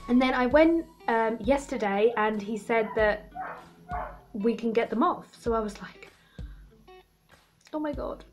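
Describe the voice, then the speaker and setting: Teen girl vlogger with braces on, chatty and excited, slightly high voice, faint music underneath. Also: measured pace, pauses often. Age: late teens. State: speaking with braces on. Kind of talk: casual chat to camera.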